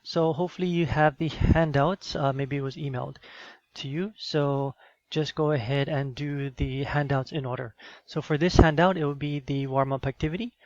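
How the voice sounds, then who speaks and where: A man teaching in a screencast lesson, explaining patiently with many fillers and quick check-ins. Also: fairly high pitch, steady tone, a little mellow, no echo, dull audio.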